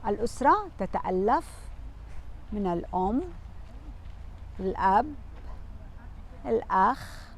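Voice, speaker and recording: A woman teaching a children's language lesson, speaking slowly and patiently and repeating each word several times. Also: mid-range voice, lively intonation, slight background noise. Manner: addresses pupils, pointing things out. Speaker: Arabic teacher.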